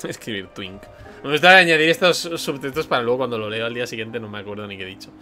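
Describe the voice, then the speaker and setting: A man from giving joking, loud commentary while streaming a game. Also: mid-range voice, fast, soft background music. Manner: joking, loud, laughing asides over cutscenes. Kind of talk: casual gaming commentary.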